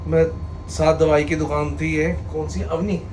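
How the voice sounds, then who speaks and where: A man's voice: fairly high pitch, little pitch movement, normal speed. A man filming a casual family vlog outside a row of shops, chatting and joking as he describes what is going on around him. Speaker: family vlogger. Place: outdoors at a busy street of shops. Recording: noisy outdoor street recording. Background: traffic and street noise.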